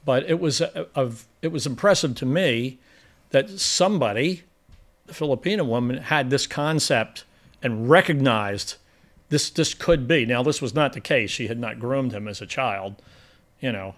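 A man's voice: mid-range voice, moderate pace, fairly bright tone. A man co-hosting a casual film review podcast, retelling the plot in a rambling way with frequent restarts.

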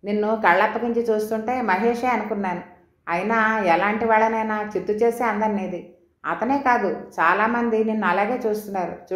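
Woman reading a novel aloud, echoey room. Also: mid-range voice. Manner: reads every character's dialogue in her own voice. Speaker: audiobook narrator.

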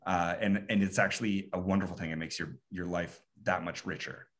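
A man's voice: deep voice, steady tone, fairly quick, fairly bright tone. A man talking casually on a panel as an actor, earnest, repeating words as he searches for them.

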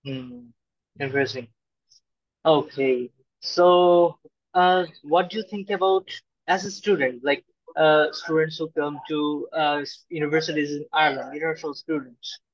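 A young man interviewing casually over a video call, speaking in a halting way with dull, lo-fi sound. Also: a little high, steady tone, dry recording. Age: young adult. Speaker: interviewer, host. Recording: dull lo-fi call audio, dry.

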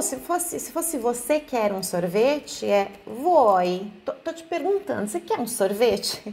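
Slow-paced woman teaching Italian. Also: medium pitch, a little mellow. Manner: slow, careful pronunciation of example words. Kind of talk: language lesson.

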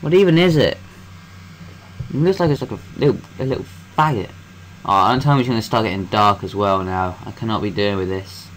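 A man's voice: fairly low pitch, fairly quick, a little hiss or hum. A young man gives let's-play commentary, rambling to himself as he plays and swearing freely. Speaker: gameplay commentator.

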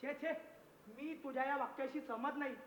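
A man's voice: extremely high pitch, fairly even intonation, normal speed, a bit bright, slight background noise. A man acting on stage as a bossy director who scolds the cast in a comedy play. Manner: scolding, ordering others about. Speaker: stage actor. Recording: echoey hall, audience heard.

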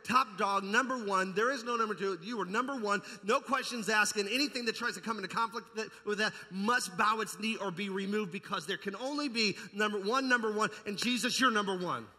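This high-voiced preacher moves briskly with few pauses, his tone bright and forceful. He pastors through an emphatic charismatic sermon, echoing his own phrases and questioning the congregation rhetorically. Captured with amplified church sound in a large hall with long reverb.

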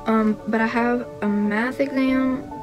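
Bubbly, high-voiced young woman chatting. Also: steady tone, slow, low-quality recording. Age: young adult. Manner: chatty and bubbly, with frequent giggles and filler words. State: hiccuping. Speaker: vlogger. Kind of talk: casual chat. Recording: background music under the voice.

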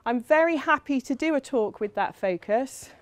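A woman's voice: high voice, animated, moderate pace, slight background noise. A middle-aged woman from England giving a university lecture in a chatty, self-deprecating way with frequent ums. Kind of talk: academic lecture.

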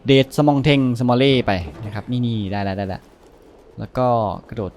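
A man's voice: fairly low pitch, brisk, a little mellow, a little hiss or hum. A man hosting a let's-play, chatting casually over gameplay, laughing often and repeating words as he plays.

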